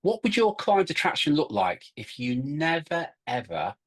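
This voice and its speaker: A man's voice: on the high side, sing-song, normal speed. A middle-aged man co-hosting a recruiting workshop webinar, talking emphatically and often repeating and restarting his words. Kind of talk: webinar presentation.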